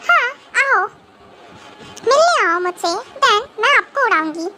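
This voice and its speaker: A woman's voice: very high voice, very animated, takes it slowly, heavy background noise, full character voice. Woman voicing a pouty, clingy young girlfriend. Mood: indignant. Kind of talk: fan audio drama.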